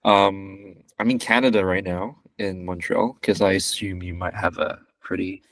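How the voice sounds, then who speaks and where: A man's voice: sits low, fairly even intonation, moderate pace, fairly bright tone, no room sound, recorded from a distance. Rambling young man from Malaysia. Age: 20s. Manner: rambling, self-correcting, joking. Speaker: podcast guest. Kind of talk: casual chat.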